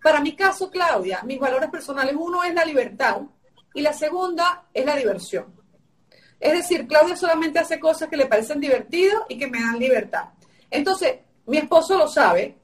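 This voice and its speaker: A woman's voice: sits high, expressive, normal speed, far from the mic. A woman giving emphatic, repetitive advice on a live stream, her voice tired and sore-throated. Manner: emphatic, repetitive teaching phrasing. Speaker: guest coach.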